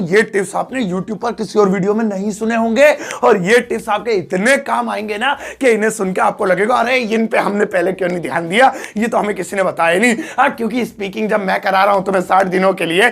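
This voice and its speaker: A young man teaches a casual English lesson, chatty and full of playful jokes. His voice sits high and has a gravelly edge. He keeps it loose and friendly. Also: fairly bright tone. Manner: chatty, joking, playful asides. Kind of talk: casual Hindi video lesson.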